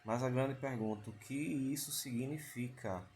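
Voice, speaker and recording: Male teacher, mid pitch, patient and repetitive; faint room noise. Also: measured pace, darkish tone. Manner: patient, repeats key points with rhetorical questions. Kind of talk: explanatory online lesson.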